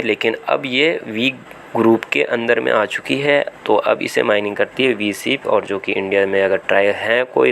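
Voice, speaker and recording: A man's voice: mid-range voice, vocal fry, fairly bright tone, slight background noise. A man with an Indian Hindi accent giving casual commentary over phone footage from a small vessel at sea, thinking aloud with restarts and fillers. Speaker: seafarer vlogger. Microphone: phone camera.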